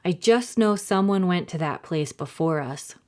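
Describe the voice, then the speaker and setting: A woman's voice: fairly low pitch, expressive, normal speed, a little mellow, lightly acted. A woman as Jack, a puzzled storybook boy. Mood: wondering.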